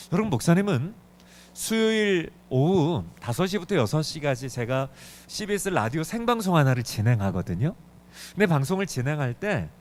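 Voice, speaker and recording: A man's voice: a little mellow, a little hiss or hum. A middle-aged male pastor preaching a sermon in a church, emphatic and urgent, pushing key words hard. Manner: emphatic, swings pitch up and down for emphasis. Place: church sanctuary.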